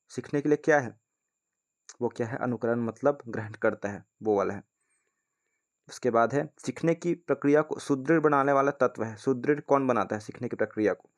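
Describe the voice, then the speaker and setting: Man, teacher, casual exam-prep lesson, reads questions aloud, keeps checking in viewers. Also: medium pitch. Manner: repeats checks like "ठीक है ना", addresses viewers as friends. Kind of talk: casual spoken lesson, reading quiz questions.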